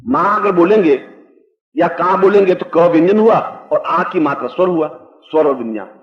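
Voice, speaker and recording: An older man giving a spiritual discourse, explaining slowly and emphatically and chanting Sanskrit verses, recorded in a dull, echoey old hall. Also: sits high. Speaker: spiritual teacher.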